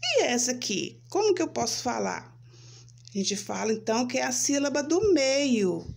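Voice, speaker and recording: A Brazilian woman teaching young children, speaking slowly and sounding out syllables, checking in with "né?" and "certo?". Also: high voice, very animated, gravelly, breathy edge. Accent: Brazilian Portuguese. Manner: slow, spelling out syllables, frequent "né?" and "certo?". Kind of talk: children's lesson, slow and sing-song.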